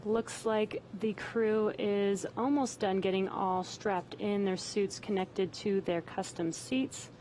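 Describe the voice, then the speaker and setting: A woman's voice: mid-range voice, steady tone, slow pace, few pauses, darkish tone, a little hiss or hum, poor audio. A woman giving live broadcast commentary as a host.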